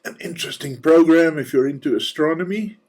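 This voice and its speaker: A man hosting a casual screencast walkthrough of software, thinking aloud and dropping relaxed joking asides. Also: on the high side, brisk. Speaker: software reviewer and channel host.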